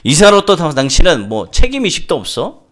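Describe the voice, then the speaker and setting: A man voicing a furious middle-aged father who yells rude accusations at a doctor. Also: on the high side, wildly swooping pitch, a little fast, pitched above the performer's own voice. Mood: shouting angrily.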